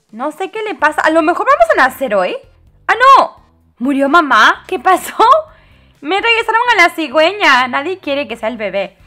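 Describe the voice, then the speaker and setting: Woman game host, bright high voice, dramatic exclamations, casual commentary. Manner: animated, dramatic exclamations and giggles.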